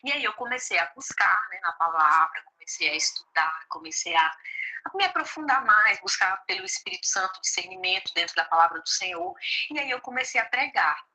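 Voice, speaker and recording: A woman from Brazil recounts her testimony as a gospel singer and preacher in an interview. Her voice is very bright and ringing, and her telling is lively, acting out what others said to her. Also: medium pitch, fairly quick, low-quality recording. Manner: lively storytelling, quotes others, laughs easily.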